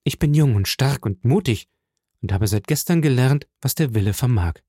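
A man's voice: medium pitch, expressive, moderate pace, dark tone, husky, dry recording, clean studio sound. A man voicing a proud, resolute young nobleman.

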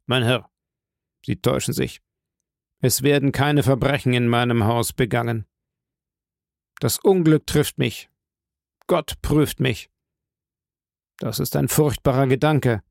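A man's voice: mid-range voice, fairly even intonation, slow, vocal fry, pauses often, dry recording, clean studio sound. A man voicing a proud, shaken official who protests stiffly and formally. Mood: defensive.

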